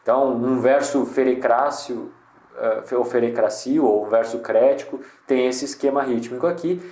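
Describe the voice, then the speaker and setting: Relaxed man explaining, echoey room. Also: mid-range voice, normal speed. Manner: relaxed, thinking aloud with many restarts and "né?". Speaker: poetry channel host. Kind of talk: casual screen-share tutorial.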